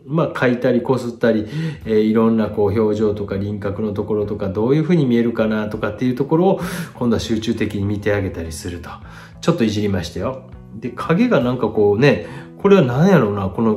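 A middle-aged man with a Kansai accent, chattily critiquing viewers' artworks as a painter, his pitch swinging lively between phrases. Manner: chatty, lively swings in pitch and loudness, self-deprecating asides. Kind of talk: online art critique.

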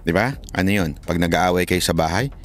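A man with a low, brisk voice delivers heated commentary in his vlog over soft background music. He preaches to his listeners, pleads with them, and quotes scripture in English.

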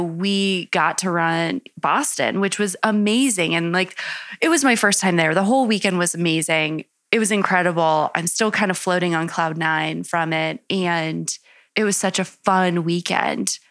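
A woman's voice: on the low side, unhurried, a bit bright, dry recording, studio quality. A woman who coaches runners, speaking as a guest in an upbeat, enthusiastic casual chat. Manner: upbeat, enthusiastic, says "like" often.

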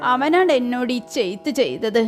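A man's voice: very high-pitched, very animated, moderate pace, soft background music. A woman reading the part of a sly middle-aged male servant who pleads plaintively, feigning grief. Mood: pleading.

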